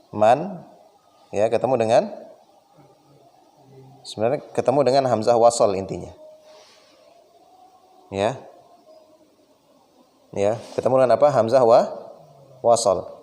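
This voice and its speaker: A man's voice: medium pitch, mellow. A man teaching an Arabic lesson, patiently asking the class questions and then answering them himself. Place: meeting room.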